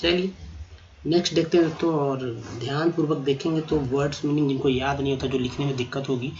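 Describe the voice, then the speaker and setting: A man teaching English vocabulary, saying each word, spelling it out and repeating it slowly. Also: fairly high pitch, steady tone, darkish tone, dull audio. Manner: slow, drawn-out repetition of each word. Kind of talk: spelling and pronunciation lesson.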